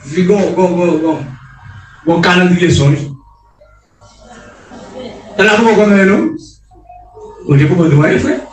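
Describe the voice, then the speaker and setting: A man preaching a sermon to young people, impassioned, repeating and restarting his phrases and shouting calls of alleluia. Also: high voice, slow, pauses often, faint music behind. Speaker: prophet preaching. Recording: echoey hall picked up from a distance.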